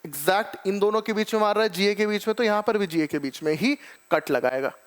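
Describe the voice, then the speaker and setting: High-voiced male biology teacher. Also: brisk. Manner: explains step by step, checks often with "clear?"; calls students "children" and "beta ji". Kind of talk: exam-prep lecture.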